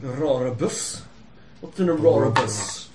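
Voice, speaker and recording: A man's voice: mid-range voice, animated, measured pace. A man playing a tabletop role-playing game, bantering casually and describing his character's actions. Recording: noisy room recording.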